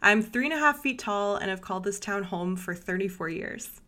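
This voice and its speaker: Bright, steady party-loving halfling assistant, read out by a woman host. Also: mid-range voice, normal speed. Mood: cheerful. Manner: plain, steady read of a character sheet.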